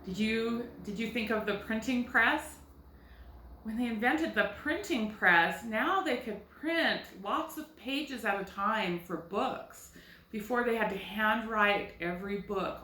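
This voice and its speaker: An American woman teaches young children in a clear, bright voice, patiently explaining and posing questions she then answers herself. She sounds a little distant from the mic, in an echoey room. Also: mid-range voice, slight background noise. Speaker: first grade teacher. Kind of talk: recorded phonics lesson for children.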